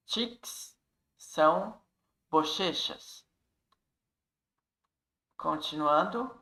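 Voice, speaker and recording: A man's voice: fairly high pitch, pushed and bright, reverberant, poor audio. A man teaching an English lesson, reading a text aloud and repeating phrases to coach pronunciation.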